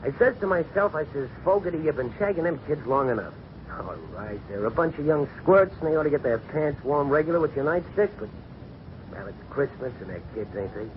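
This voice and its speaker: Blustering 1930s beat cop played by a man, gruff but friendly, higher voice, old radio drama, muffled noisy recording. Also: expressive, brisk, lightly acted.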